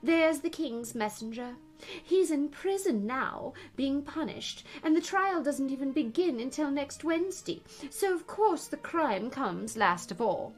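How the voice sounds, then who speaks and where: High, swooping, flighty storybook queen. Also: lively intonation, a little slow, soft background music. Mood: careless, chatty. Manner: emphatic, swooping, prone to squeals. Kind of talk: theatrical storybook character voice.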